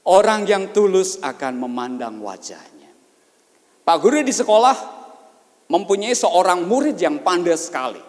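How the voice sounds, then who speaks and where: A man's voice: high-pitched, big pitch swings, a little slow, darkish tone, big-room sound. A man preaching a sermon as pastor at a church service. He asks rhetorical questions and often turns to address the congregation.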